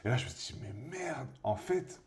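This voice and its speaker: Slight background noise sits under this mid-range voice, belonging to a man in his 30s who co-hosts a podcast at a moderate pace. Painting as he talks, he tells jokey stories in a lively, animated, casual manner.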